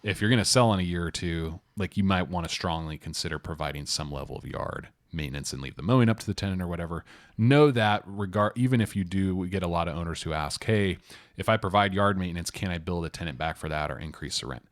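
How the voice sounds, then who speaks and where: A man in his thirties co-hosts a casual advice podcast, talking loosely with plenty of asides. His voice sits very low, recorded close and dry with no room sound. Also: fast talker, dry recording. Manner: loose and conversational, full of "like" and asides. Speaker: podcast co-host, property manager.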